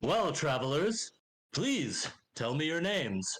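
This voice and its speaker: A man voicing a stout, red-bearded dwarf paladin who greets travelers in a formal, booming way. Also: big pitch swings, slow pace, a bit bright, heavily acted. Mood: welcoming.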